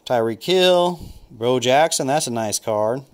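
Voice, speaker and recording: In relaxed unboxing chatter, a man rips into football trading card packs, calling out each card's name and musing aloud as he goes. His voice is medium-pitched and expressive, his pace unhurried.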